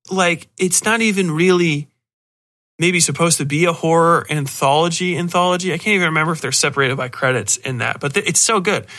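Here a podcast host, his voice a bit high and sharp, rambles through a spoken review of a horror film. He's sardonic and profane, blunt in his opinions, and keeps breaking off for exasperated asides.

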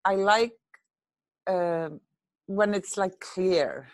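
A woman's voice: mid-range voice, very slow. A middle-aged woman from Iceland, a film editor, answering interview questions in a thoughtful, hesitant way. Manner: thoughtful, hesitant, fillers and restarts. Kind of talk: casual interview.

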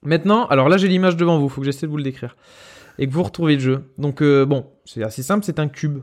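A man's voice: fairly high pitch, fast, a little mellow. A man with a Lorraine accent hosting a quiz on a casual podcast, hesitant and full of fillers. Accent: Lorraine French. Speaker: quiz host.

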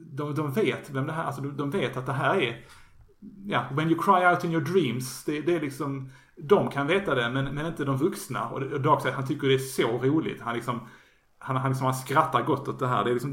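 A man's voice: mid-range voice, fairly bright tone. A man in casual podcast chat, his sentences full of fillers, stops and restarts as he feels his way forward. His voice sits in a middling range and carries a roomy echo from the space around him. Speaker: podcast host. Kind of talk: casual podcast talk about comics.

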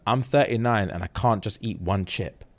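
A man, co-hosting a podcast in casual banter and laughing often. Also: lowish voice. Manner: animated, laughs often, London slang. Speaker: podcast co-host. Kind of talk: casual chat.

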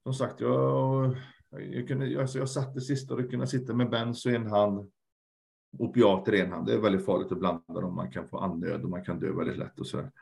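A man with a fairly low voice, guesting in a candid conversation. He speaks earnestly and reflectively, trailing off and repeating words as he thinks. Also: little pitch movement, vocal fry, darkish tone. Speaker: podcast guest, lecturer.

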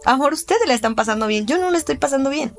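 Candid Mexican woman with lively talk. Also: high-pitched, quick pace, soft background music. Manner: candid, emotional, with restarts and reenacted quotes. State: living with chronic pain. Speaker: interviewee. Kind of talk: personal testimony in a podcast.

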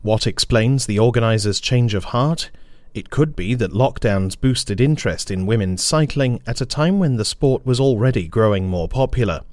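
A man reading a scripted news briefing in a measured, formal newsreader manner. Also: mid-range voice, expressive, darkish tone, dry recording. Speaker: news presenter.

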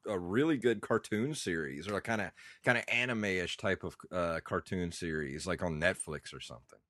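A congested man in his thirties rambles nostalgically as a podcast co-host, his voice sitting very low. The sound is dry and close, with no room around it. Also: normal speed, fairly bright tone, no room sound. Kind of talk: casual chat.

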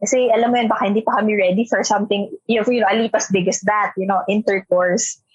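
A woman's voice: medium pitch, fast talker, breathy edge, dry recording. A feisty, talkative woman in her twenties from Metro Manila with a Filipino accent, telling stories in casual chat and acting out the voices she quotes. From Metro Manila, Philippines. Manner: animated, switching between Tagalog and English, acts out quoted voices. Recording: dry, slightly muffled recording.

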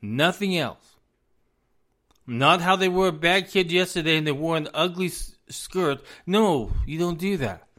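A man with a slightly raised pitch gives informal advice on parenting, speaking earnestly and repeating phrases for emphasis. His voice is going a little hoarse as he talks. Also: measured pace, a bit bright. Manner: earnest, repetitive, addresses parents directly. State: losing his voice.

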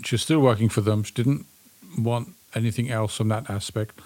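A man's voice: lowish voice, steady tone, moderate pace, a little mellow. A man co-hosting a podcast, discussing in short, repeated declarative sentences. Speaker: podcast co-host.

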